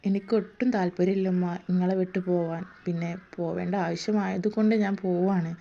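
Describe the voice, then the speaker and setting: A woman voicing a gentle young wife who speaks softly and pleadingly, in a dull lo-fi recording. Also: on the low side, fairly even intonation, fairly quick, gravelly. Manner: soft, pleading.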